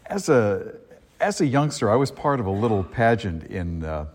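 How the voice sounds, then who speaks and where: A middle-aged or older man speaking as a priest at a church service, with a husky voice and an unhurried, conversational delivery that repeats phrases, echoing through a large church. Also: fairly low pitch, sing-song, a little mellow. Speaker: priest preaching at a Christmas service. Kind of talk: liturgical reading and homily. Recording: long cathedral echo in a large church.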